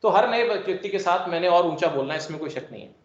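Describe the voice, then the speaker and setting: In a classroom full of students, a male chemistry teacher jokes around and explains concepts using everyday classroom analogies. He talks fast, with a high voice and lively intonation. The audio echoes and has a dull, lo-fi quality.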